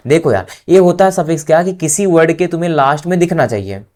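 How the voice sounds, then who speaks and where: A man teaching English grammar in a casual lesson, spelling out words slowly and often checking that his students follow. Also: on the high side, expressive, darkish tone. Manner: keeps asking "samajh mein aaya?", drawn-out spelling and dictation. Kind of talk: informal classroom lesson.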